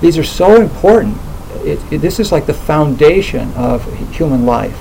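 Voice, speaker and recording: A man with a gravelly, mellow voice talks in a loose, reflective way, often pausing on fillers and starting his sentences over. Faint room ambience sits behind him. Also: on the high side, expressive, slight background noise, rough recording. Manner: hesitant, many fillers and restarts. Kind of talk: reflective conversational talk.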